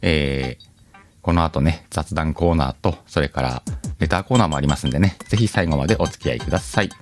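With a bass voice and a fairly quick pace, the host of an audio channel chats casually on his own show, thinking out loud for his listeners in a radio-style solo format. Faint music sits in the background.

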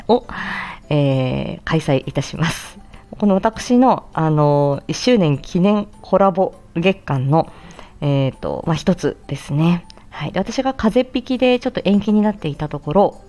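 Over background music, a woman with a low-pitched, dark voice gives a casual, chatty morning announcement, cheerful, giggly and informal. She hosts an audio channel and is a speech therapist and amateur voice actor.

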